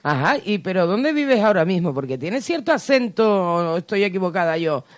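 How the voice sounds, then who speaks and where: A woman's voice: medium pitch, sing-song, fairly quick. Chatty female radio host. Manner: chatty, curious questions. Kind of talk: casual radio interview.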